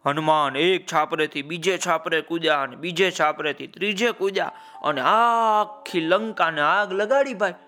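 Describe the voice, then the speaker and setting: A man's voice: a little high, moderate pace, sharp tone, slight background noise. A man narrating a children's story, calling out to his listeners with folksy asides.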